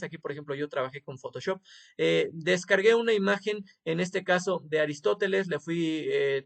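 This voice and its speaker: A man's voice: a little high, creaky. A man giving a screen-recorded tutorial lesson, talking to the student informally and checking in with frequent tag questions. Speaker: teacher.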